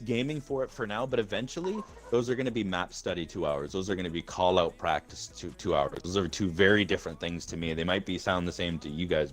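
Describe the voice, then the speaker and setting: Low-voiced, rambling, profane man. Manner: rambling and profane, with many restarts. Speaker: gaming community leader. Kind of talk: casual voice-chat talk.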